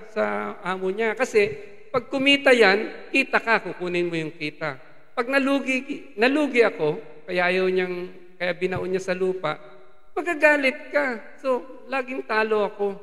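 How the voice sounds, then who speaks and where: A man's voice: high-pitched, vocal fry, fairly bright tone. A man with a Filipino accent preaching a sermon as a lay preacher, slipping English phrases into his Tagalog. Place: church hall. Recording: long hall reverb.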